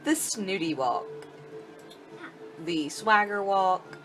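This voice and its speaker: A gaming video host gives informal commentary on a game demo, thinking aloud as she clicks through. Her mid-range voice is animated and a bit bright, though she speaks very slowly.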